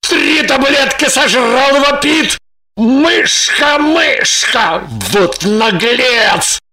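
A woman voicing a hungry, indignant grown man who is hiding from a husband, speaking loudly and theatrically. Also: fairly low pitch, slow, slight background noise. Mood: outraged. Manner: loud, outraged, theatrical.

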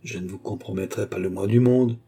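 A man with a husky voice reading a bold, commanding young prince in a period novel audiobook. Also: on the low side, fairly even intonation, a little fast, mellow. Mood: confident.

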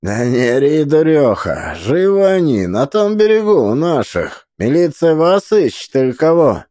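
A coarse, boisterous fat man who teases and laughs, as a male narrator voices him. His voice sits high and loud. The recording is dry and close. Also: big pitch swings, unhurried, no room sound. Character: fat, jovial, rough man on a river.

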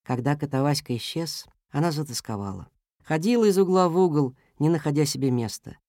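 A narrator reading a children's story aloud in an even, gentle manner. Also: medium pitch, a little fast, no echo, studio quality.

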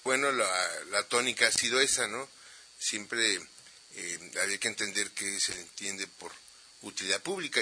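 Male radio co-host, bright voice, announcer reads. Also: on the low side, slight background noise, low-quality recording. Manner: hesitant in chat, steady when reading. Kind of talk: radio news commentary.

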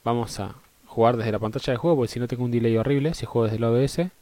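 A man's voice: mid-range voice, very fast, mellow, a little hiss or hum. A man with an Argentine Spanish accent chatting casually and swearing as a live game streamer, often muttering to himself.

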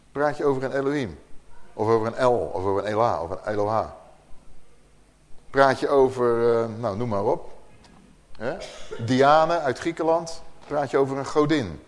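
Animated man teaching from scripture. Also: on the high side. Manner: lively, asks the audience questions, reads scripture with emphasis. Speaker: preacher. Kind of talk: Bible teaching to a live audience.

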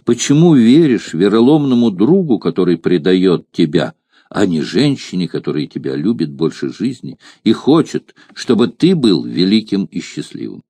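A man's voice: deep voice, big pitch swings, moderate pace, mellow, no room sound. A man voicing a cunning young courtesan who coaxes with feigned tenderness in an audiobook. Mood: coaxing.

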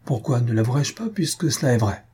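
A man voicing a calm, formal count. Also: mid-range voice, brisk, slightly rough. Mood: composed. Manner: cool, formal. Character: calm, composed male count.

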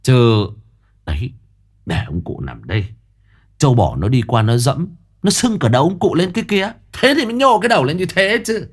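A man voicing a greedy, crafty old fake sorcerer who talks low and wheedling. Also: sing-song, normal speed. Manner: low, gruff, sly and wheedling.

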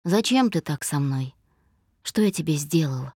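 A woman voicing a drunk, insistent young man on the phone, with a low, relaxed and slurring voice, in a dry recording. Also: moderate pace, dry recording, lightly acted. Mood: hurt.

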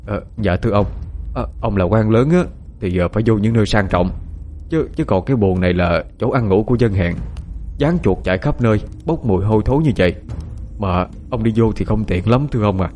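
A man's voice: lowish voice, a little fast, a little mellow, a little hiss or hum, lightly acted. A man voicing a poor young husband who speaks with hesitant deference to a powerful official. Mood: deferential. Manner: deferential, hesitant, pleading politely.

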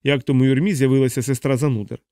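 Dark-voiced male audiobook narrator. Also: mid-range voice, racing, clean tone, no room sound. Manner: steady, even literary reading.

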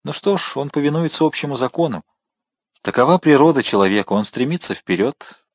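A man reading the part of a noble older count who speaks gently and kindly to his ward. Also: fairly high pitch, lively intonation, a little fast, no echo, studio quality, pitched above the performer's own voice. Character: noble older male count, calm and fatherly.

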